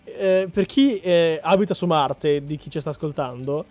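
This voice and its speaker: A fairly high-voiced man co-hosts a relaxed podcast chat. He talks in a chatty, self-correcting way, often laughing, while faint music sits underneath. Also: normal speed. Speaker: podcast co-host. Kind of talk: casual chat.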